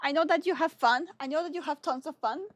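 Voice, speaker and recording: Sleepy high-voiced woman streamer. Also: quick pace, dry recording. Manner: giggly, playful, greets viewers one by one. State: sleepy, yawning. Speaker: game streamer. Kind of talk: casual chat with stream viewers.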